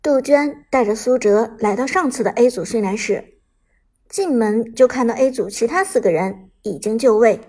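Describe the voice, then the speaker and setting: Breathy female audiobook narrator. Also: on the high side, moderate pace, dark tone.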